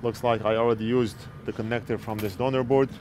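A forties-aged repair technician explains an electronics repair step by step at his indoor bench, speaking plainly as he works into a wired earpiece headset mic. His voice is medium-pitched, a little mellow, fairly even, and fast, with slight background noise.

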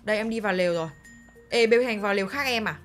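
A woman co-hosting a game video, excitably narrating what happens as she plays. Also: mid-range voice, racing, faint music behind. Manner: excitable, narrates the story aloud. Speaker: gaming channel co-host. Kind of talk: casual game commentary.

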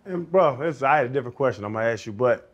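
In an indoor studio set with plants, a podcast co-host asks loose, rambling, slangy interview questions in a casual way. His mid-range voice is animated and racing, with the highs cut off.

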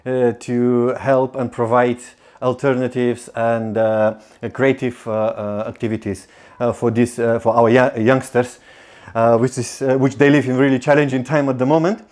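A man's voice: mid-range voice, flat delivery, moderate pace, darkish tone. A man in his forties from Bulgaria, a youth coordinator welcoming visitors, speaking with many fillers and restarts into a lapel mic. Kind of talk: welcoming tour talk. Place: indoor office and youth club.

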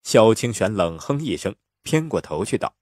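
Lively low-voiced male audiobook narrator. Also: normal speed, dry recording, studio quality. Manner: expressive, lively storytelling. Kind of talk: storybook narration.

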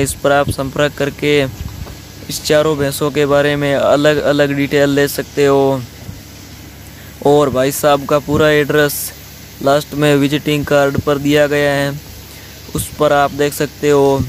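Man giving flat, repetitive sales patter. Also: medium pitch, slight background noise. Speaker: channel host showing buffalo for sale. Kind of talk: video tour commentary. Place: outdoor dairy farm yard.

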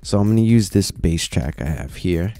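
A man casually explaining software steps one at a time in a screen-recorded tutorial, with lots of "you know"s. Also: deep voice, animated, moderate pace, faint music behind. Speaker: tutorial presenter.

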